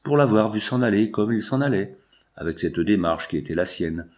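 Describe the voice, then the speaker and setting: A man narrating a novel in a steady, literary reading style. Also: fairly low pitch, moderate pace.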